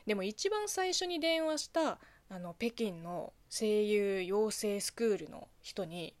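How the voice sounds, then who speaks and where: A woman from China speaking Japanese with a Chinese accent, hosting a solo radio talk show, reading listener letters and answering them in a chatty, animated way full of fillers. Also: medium pitch, slow, no room sound. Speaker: host.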